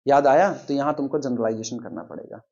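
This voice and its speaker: A man teaching a math lecture, dictating steps slowly and quizzing his students as he goes. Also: mid-range voice, darkish tone, dull audio. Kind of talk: classroom lecture.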